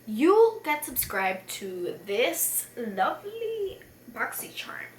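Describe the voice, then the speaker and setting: Tipsy girl doing a makeup vlog, kinda high voice, rambles and puts herself down, echoey room. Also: very animated, slow. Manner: rambling, self-deprecating, mildly swearing. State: tipsy from beer. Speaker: beauty vlogger, tutorial host. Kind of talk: casual chatty makeup tutorial. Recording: echoey room with faint noise.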